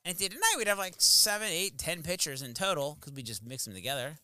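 Guy on a podcast telling stories, swears a lot, pitch jumps all over. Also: animated, fast, pushed and bright, dry recording, clean studio sound. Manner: laid-back storyteller, swears freely. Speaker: podcast co-host. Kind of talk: casual chat.

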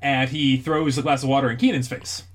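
A young man with a mid-range voice, talking in a relaxed, casual way as he recaps a TV episode with a friend. He chuckles often and now and then jumps into a squeaky voice to play a character. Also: brisk. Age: young adult. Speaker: podcast co-host.

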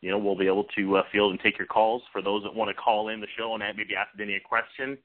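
A male sports radio host with a very low voice talks off the cuff, haltingly and informally. The sound is thin and phone-like, as on internet radio. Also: little pitch movement. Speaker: sports talk show host. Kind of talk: unscripted internet radio talk. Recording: muffled narrow-band phone-like internet radio.

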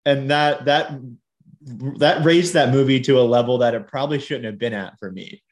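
A man talks loosely about film and TV as one of a podcast's co-hosts. His voice sits at an ordinary middle pitch. He laughs often and drifts into rambling asides. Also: moderate pace. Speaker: podcast co-host. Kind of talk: casual chat about TV and film.

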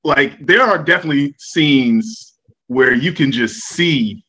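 A man's voice: medium pitch, animated, slow pace, sharp tone, slightly rough. A man co-hosting a podcast, telling stories animatedly and laughing through them. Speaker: podcast co-host. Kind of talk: casual chat.

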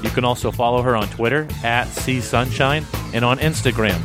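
A man's voice: medium pitch, moderate pace, music in the background. A man hosting a podcast interview, friendly and chatty, laughing often and restarting his phrases. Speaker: podcast host.

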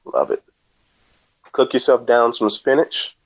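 A man co-hosting a podcast in casual chat, joking with dry, deadpan asides. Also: medium pitch, a little slow, rough recording. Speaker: podcast co-host.

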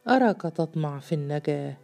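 A woman's voice: sits low, lively intonation, fairly quick, creaky, darkish tone, faint music behind. A woman voicing a stern, mocking male jinn freed from a bottle, speaking with severe, scornful preaching. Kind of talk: storybook reading.

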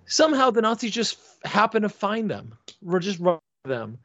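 A man's voice: high voice, big pitch swings, moderate pace, fairly bright tone, no echo, lo-fi sound. A man in casual podcast chat, rambling with frequent restarts and fillers. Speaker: podcast co-host.

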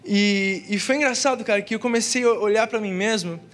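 A young man with a Brazilian accent preaches in a high voice. He tells a personal testimony in a slangy, earnest way. He is speaking in a church. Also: fairly quick, a bit bright. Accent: Brazilian Portuguese. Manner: slangy and earnest, peppered with "cara" and "velho". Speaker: youth preacher. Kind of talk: casual testimony sermon.

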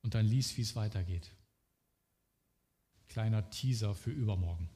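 A man's voice: fairly low pitch, normal speed, warm tone, long reverb tail. A man preaching a sermon in an earnest way, speaking directly to the listener.

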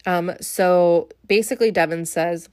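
A woman's voice: lowish voice, unhurried, darkish tone, smooth, dry recording, clean studio sound. A woman casually recapping a reality show episode, chatty and wry, full of "like" and "um" fillers.

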